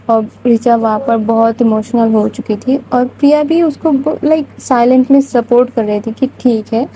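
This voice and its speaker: A woman's voice: fairly high pitch, fairly even intonation, warm tone, a little hiss or hum, rough recording. A woman telling a romance story in a casual, chatty way, with frequent filler words.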